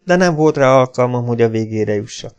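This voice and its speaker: A man's voice: mid-range voice, animated, a little mellow, clean tone, close to an everyday voice. A man voicing a bitter, washed-up older male ex-spy who drinks heavily, grumbling and complaining in an audiobook. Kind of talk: audiobook character voice.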